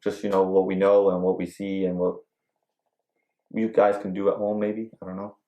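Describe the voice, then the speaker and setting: A man's voice: low voice, little pitch movement, moderate pace, dark tone. A man co-hosting a casual chat show, rambling with lots of fillers and the odd joke. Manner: rambling, filler-heavy, joking. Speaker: podcast co-host. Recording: echoey room.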